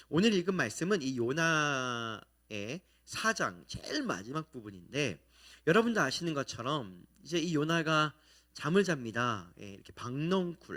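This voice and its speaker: A man preaching a sermon as pastor, asking his listeners questions and acting out the quoted lines in animated voices. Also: mid-range voice. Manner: asks the congregation questions.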